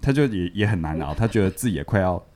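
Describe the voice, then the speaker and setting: Speaking fast in a low-pitched voice, a man laughs his way through a casual retelling of a book's story. He is a podcast co-host reviewing the book, and he animatedly repeats words along the way.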